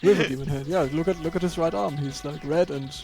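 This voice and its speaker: A man giving quick, playful play-by-play commentary on a game replay. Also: on the high side, creaky. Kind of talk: casual live commentary. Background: game music.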